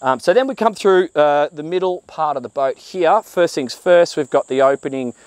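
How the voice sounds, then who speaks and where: A man's voice: on the high side, normal speed, a little mellow, dry recording. Chatty Australian man on a boat. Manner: enthusiastic, chatty, with frequent fillers and restarts. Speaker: boat reviewer. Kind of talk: walkthrough presentation. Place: outdoors on a boat on a calm waterway. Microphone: lapel mic.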